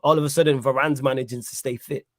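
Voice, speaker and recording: A football pundit reacts casually at a quick pace, his mid-range voice keeping a fairly even intonation. He is emphatic and repeats himself for effect, saying "you know what I'm saying" again and again.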